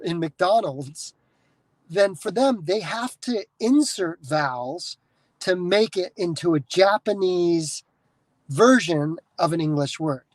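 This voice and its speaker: The American podcast host's voice sits high and sounds expressive as he speaks slowly. His casual talk digresses constantly, with many restarts and plenty of swearing, and the poor-quality recording is dry.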